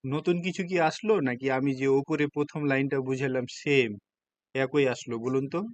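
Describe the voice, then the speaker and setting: In a classroom lesson on hiragana, a man with a Bangladeshi accent teaches Japanese through Bengali, patiently going step by step and regularly asking if everyone understands. He has a mid-range voice, keeps a moderate pace, and the recording has no echo.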